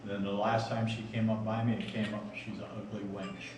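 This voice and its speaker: A man with a fairly low voice recounts things casually, like a ghost hunter comparing notes. He sounds far from the microphone in a hugely reverberant, noisy room. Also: little pitch movement, a little fast. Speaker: paranormal investigator. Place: large indoor bowling alley. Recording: very echoey, distant, noisy.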